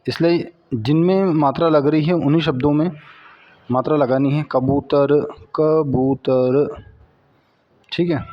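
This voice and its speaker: A man teaching children Hindi vowel signs in a patient way, repeating each word and syllable slowly. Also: a little high, dull audio. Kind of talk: slow children's Hindi spelling lesson.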